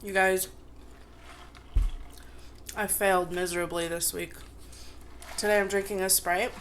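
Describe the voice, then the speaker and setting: A woman's voice: medium pitch, little pitch movement, unhurried, fairly bright tone, slight background noise, low-quality recording. A woman chatting casually to viewers on an eating show, chewing as she talks and eating between phrases. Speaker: mukbang vlogger.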